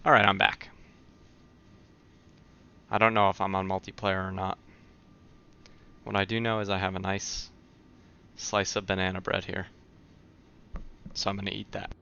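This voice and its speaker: A male streamer with a low, gravelly voice that still has a bright, forward edge. He chats in a relaxed, easygoing way with his viewers. The audio is dull and lo-fi, like a typical home stream mic. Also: moderate pace, pauses often, slight background noise. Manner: relaxed, chatty, answers viewer comments. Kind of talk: casual live-stream chat.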